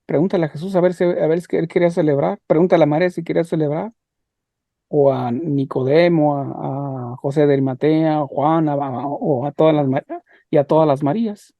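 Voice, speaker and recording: Man teaching a religion class, gravelly. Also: on the high side, fairly even intonation, dark tone, dry recording, muffled recording. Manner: halting, repeats words, rhetorical questions. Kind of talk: leading an online class discussion.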